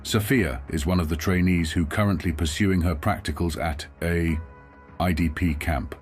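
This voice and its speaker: Deep-voiced man narrating a documentary. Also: fairly even intonation, normal speed, soft background music. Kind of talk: scripted voice-over narration.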